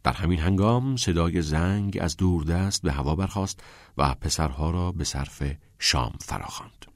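A low-voiced male audiobook reader delivers scripted narration at a steady, measured pace. The recording is close and dry, with no room sound or echo.

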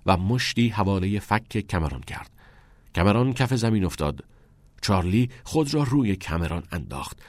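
A man reading a novel aloud as narrator in a calm, measured way. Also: lowish voice, no echo, studio quality. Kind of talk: audiobook narration.

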